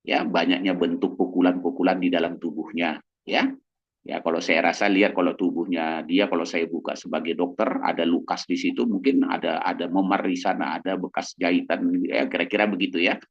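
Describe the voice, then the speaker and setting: A male pastor preaching a chatty sermon, often tagging his points with a questioning "ya". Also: fairly quick. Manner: chatty, keeps tagging "ya" and "gitu ya"; animated, jumps high in pitch for emphasis. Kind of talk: conversational evening sermon. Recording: dull lo-fi recording.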